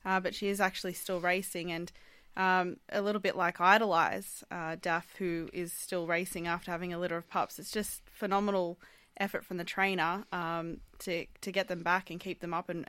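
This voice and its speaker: A woman's voice: on the low side, steady tone, normal speed, fairly bright tone, clear, resonant tone, dry recording. A woman with an Australian accent discussing racing as a co-host on sports radio.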